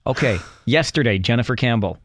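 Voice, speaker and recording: A man co-hosting a morning radio show, teasing his co-host and running a quiz in an animated way from a studio mic. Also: mid-range voice, a little fast.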